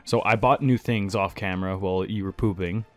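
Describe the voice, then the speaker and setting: A man co-hosting a casual let's-play, bantering playfully, asking quick questions and repeating himself. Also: deep voice, fairly even intonation, faint music behind. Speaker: gameplay co-host.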